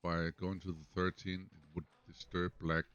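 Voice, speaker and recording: Thinking aloud in English, his second language, a man analyzes his own backgammon game, half talking to himself about the moves. His voice is low and a bit bright, with little pitch movement and a normal speed, captured on a dull lo-fi recording.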